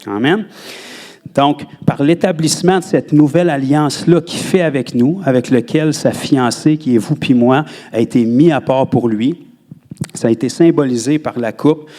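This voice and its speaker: Quebecois guy preaching in church, gets animated and loud on key words, mid pitch. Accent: Québécois French. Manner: animated preaching, rises sharply on emphasized words. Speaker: pastor. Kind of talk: sermon.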